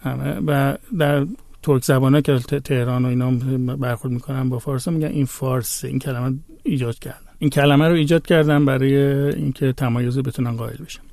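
A man's voice: mid-range voice, fairly even intonation, creaky, a little mellow, dry recording. A man whose first language is Azerbaijani Turkish, a guest in a conversation, patiently explaining and giving many spoken examples.

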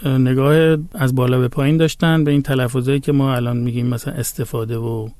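A man's voice: mid-range voice, little pitch movement, darkish tone, no room sound. Man with an Azerbaijani Turkish first language, patiently explaining. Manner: patient, explains with many spoken examples. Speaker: guest. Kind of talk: explanatory conversation.

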